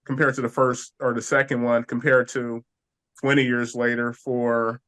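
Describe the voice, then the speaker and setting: A man co-hosting a casual podcast chat, talking in a halting way with many pauses and restarts. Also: medium pitch, flat delivery, a bit bright, clean tone. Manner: halting, lots of fillers and restarts. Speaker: podcast co-host.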